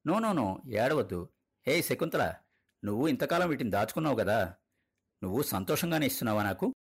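A man voicing a kind, gentle male schoolteacher who questions a child softly, in a husky voice. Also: medium pitch, sing-song, brisk. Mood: soothing.

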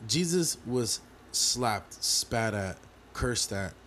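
A man's voice: lowish voice, animated, drawn-out words, fairly bright tone. Earnest preaching man, faint noise. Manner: earnest, preachy, builds emphatic repeated lists. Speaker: podcast co-host. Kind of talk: faith podcast conversation.

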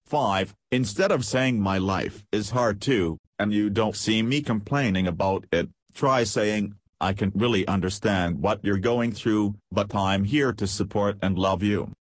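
A man reading scripted advice as a steady, numbered list. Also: lowish voice, a little slow, few pauses, no room sound. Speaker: narrator. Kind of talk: scripted narration.

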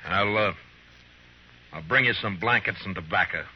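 Man acting a stern weary western marshal, american, really low voice, old hissy radio drama. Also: normal speed, close to an everyday voice. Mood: resigned. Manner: terse, firm, plain-spoken. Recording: muffled, noisy vintage radio recording.

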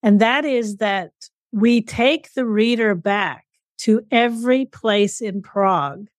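A woman's voice: fairly high pitch, slow, no room sound, clean studio sound. A middle-aged woman, a mother and co-author, answering interview questions and posing questions to herself as she explains.

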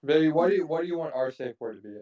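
A man's voice: fairly high pitch, expressive, racing, dark tone, lo-fi sound. Laid-back young man guest. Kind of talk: casual chat.

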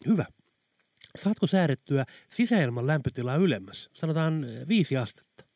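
A man's voice: fairly high pitch, sing-song, a little mellow, no room sound. A man voicing a scheming male antiques dealer who talks in a wry, conspiratorial way. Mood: urgent.

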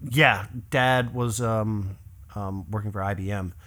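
Bright-voiced joking man in his forties. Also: fairly low pitch, steady tone, unhurried. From United States. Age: 40s. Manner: jokey, laughs easily, trails off into fillers. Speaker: guest musician. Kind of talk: casual podcast chat.

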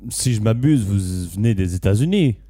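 A man's voice: on the low side, expressive, normal speed, dark tone. A man co-hosting an improvised comedy sketch, amused and laughing between lines. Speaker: comedy show co-host.

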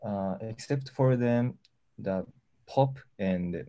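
A man with a Japanese accent, a musician speaking halting English while searching for words in an interview. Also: lowish voice, warm tone. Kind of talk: casual interview answers.

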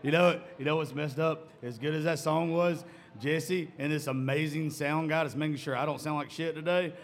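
At a music venue, a podcast host with a fairly high, steady voice chats at a normal speed during a live recording. His manner is loose, joking and profane in this casual podcast conversation.

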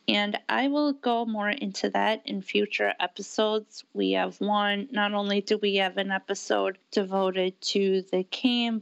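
A woman in her thirties co-hosting a podcast, explaining things about herself in a measured, unhurried way. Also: medium pitch, creaky, no room sound. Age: 30s. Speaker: podcast co-host. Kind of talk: casual personal account.

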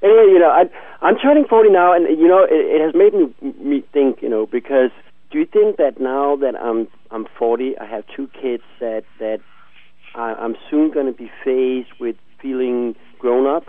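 A man's voice: mid-range voice, moderate pace, no room sound. Hesitant forty-year-old man on a tinny line. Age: 40s. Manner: hesitant, repeats words, laughs often. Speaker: podcast co-host. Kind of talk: casual chat.

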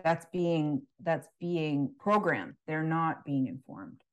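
A woman's voice: low-pitched, animated, slow pace, dull audio. A woman, a guest on a casual podcast, talking in a wry, sarcastic way and laughing between remarks. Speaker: podcast guest, natural health practitioner. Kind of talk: casual conversational interview.

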